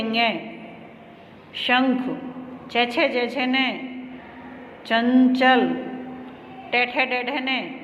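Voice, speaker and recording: A woman teacher walks children through a grammar lesson, slowly and step by step, in a fairly high voice. The room is echoey, with a long reverb tail and faint background hiss. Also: a bit bright. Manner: slow, explaining step by step to children.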